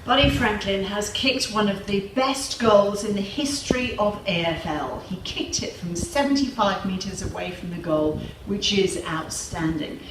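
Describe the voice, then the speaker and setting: A woman's voice: medium pitch, a little slow, hardly any pauses, lightly acted. A woman playing a formal, upbeat parody TV news anchor in a mock newscast. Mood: formal, presenting. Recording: roomy echo, clear background noise.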